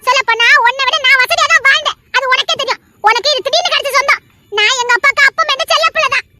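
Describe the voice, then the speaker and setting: Woman doing an angry high-pitched scolding wife, super bright sharp voice. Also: fast talker, no echo, full character voice. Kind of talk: dubbed serial drama with one voice doing many roles.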